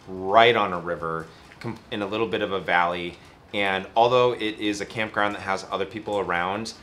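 A man's voice: fairly low pitch, a bit bright, slight background noise. A man in his thirties chatting casually as a travel vlogger, seated outdoors by a camper in an easygoing, lightly joking way. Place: outdoors beside a camper trailer.

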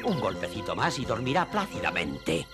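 A man's voice: fairly low pitch, huge pitch swings, moderate pace, loud music behind the voice. An actor voicing a cowardly, fawning male servant henchman in a dubbed cartoon, pleading and servile.

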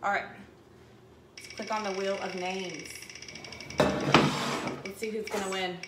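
This woman speaks slowly in a mid-range voice with little pitch movement, chatting and rambling as she hosts a live cooking demonstration at home. Her audio comes through a camera mic set across the counter, with the kitchen echoing and background noise audible.

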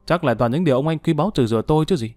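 A man's voice: a little high, animated, rapid-fire, darkish tone, no room sound, clean studio sound, natural voice. A man playing a condemned male murderer who talks in a gloomy, self-pitying way. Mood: bleak.

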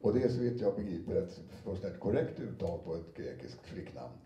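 Dark-voiced man in a roomy hall. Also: deep voice, big pitch swings. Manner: conversational, many fillers and restarts, briefly acts out quotes. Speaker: audiobook narrator giving a talk. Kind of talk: anecdotal talk to an audience. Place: lecture room with an audience. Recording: roomy sound from a distant mic.

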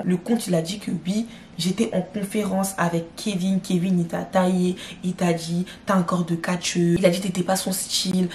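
A young woman vlogger tells a drama storytime in a slangy, animated way, speaking directly to her viewers. Her voice sits on the low side, with a faint hiss or hum and a roomy echo on the recording.

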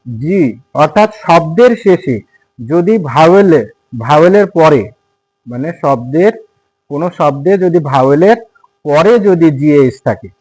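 Man teaching spelling, slow and repetitive. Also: fairly high pitch, darkish tone, rough recording. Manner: repeats words slowly and spells them out letter by letter; frequent hesitation fillers. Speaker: English teacher. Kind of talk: spelling and pronunciation lesson.

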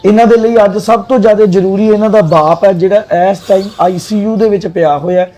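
Soft-spoken man gently comforting a child. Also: high-pitched, fairly even intonation, a little fast, soft background music. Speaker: charity worker interviewing a child. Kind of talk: gentle questioning.

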